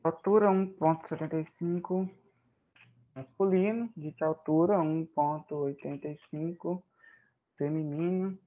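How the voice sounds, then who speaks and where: A student with a fairly high voice presents his code in a live walkthrough over narrow, tinny audio. At a measured pace and with fairly even intonation, he runs the program, thinks aloud as he types inputs, and checks in with the class, often saying "né?"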